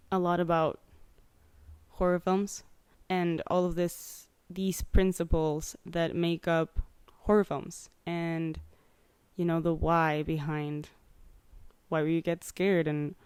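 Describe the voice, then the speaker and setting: A woman's voice: lowish voice, a little mellow, smooth, no echo. A young woman hosting a podcast, chatting casually with lots of likes and ums. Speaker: podcast host. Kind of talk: casual chat.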